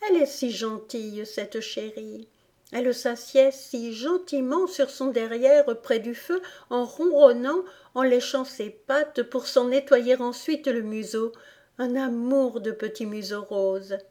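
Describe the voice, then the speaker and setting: A woman's voice: fairly high pitch, unhurried, dark tone, pitched above the performer's own voice, natural voice. A woman reading an audiobook, voicing a polite, eager young girl in a raised, sweet voice. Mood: doting.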